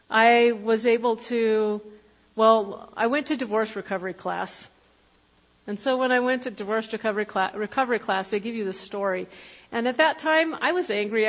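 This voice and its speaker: 50yo woman preaching, chatty and candid, fixes her own words a lot, dull recording in a big reverby church. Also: on the high side. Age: 50s. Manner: candid, conversational, with fillers and self-corrections. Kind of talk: personal testimony sermon. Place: church hall.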